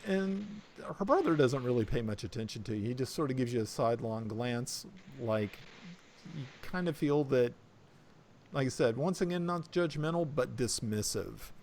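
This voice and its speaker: A man's voice: medium pitch, moderate pace, a little hiss or hum. A man narrating a tabletop game as game master, in a loose, rambling manner. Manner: lively, loose with fillers.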